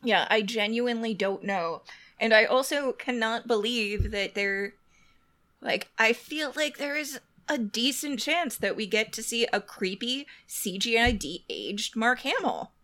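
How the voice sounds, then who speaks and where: Relaxed woman co-hosting a chat. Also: fairly high pitch, unhurried. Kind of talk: casual chat.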